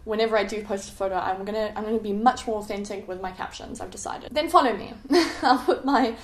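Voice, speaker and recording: A woman's voice: medium pitch, fast. A young adult woman talking casually to camera as a vlogger, chatty and self-mocking, often laughing at herself. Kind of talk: casual confessional vlog. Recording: roomy echo.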